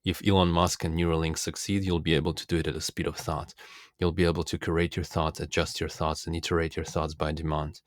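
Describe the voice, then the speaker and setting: In a dry, close recording without echo or room reflections, a self-development coach and speaker whose native language is Russian talks in a very low voice. His pitch barely moves as he offers a philosophical self-help monologue in an earnest, deliberate way.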